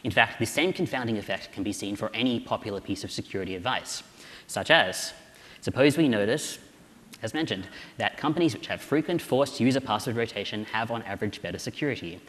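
A man delivers a lively conference keynote at a quick clip, his voice sitting a little low. He keeps things playful with jokes and rhetorical questions. His voice carries a long reverb from a large hall.

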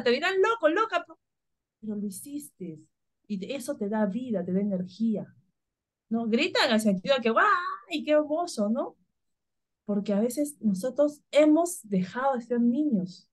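A woman from Peru, a spiritual guide, talking casually and telling everyday stories with frequent laughter. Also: on the high side. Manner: warm, spontaneous storytelling with frequent laughs.

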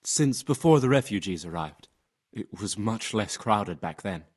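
A humble helper monk in a medieval game. The voice is low and husky, plain and modest. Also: male voice, lively intonation, unhurried. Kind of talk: video game dialogue acting.

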